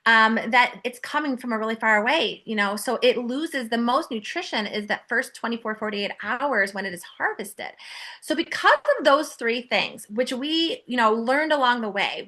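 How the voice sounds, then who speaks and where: A woman in her forties, a podcast guest, telling her story in a chatty, animated way full of fillers. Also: a little high. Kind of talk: casual interview chat.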